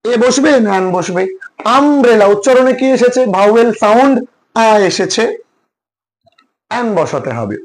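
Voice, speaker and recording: Male English tutor, Bengali accent, very high voice, drills rules through repeated questions. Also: very animated, normal speed, pauses often, slight background noise, low-quality recording. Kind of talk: classroom lecture.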